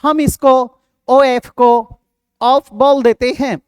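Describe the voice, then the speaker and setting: Indian male grammar teacher, measured and slow, patient quiz-and-answer delivery, dry close sound. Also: very high voice, steady tone, smooth, no echo. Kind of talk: exam-prep grammar lesson in Hindi and English.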